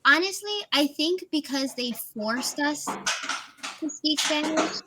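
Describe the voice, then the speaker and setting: An English tutor from Miami, USA, chats casually over a video call in a high voice with lively intonation, taking her time. She laughs a lot and fills her speech with "like" and "you know." Background noise is audible.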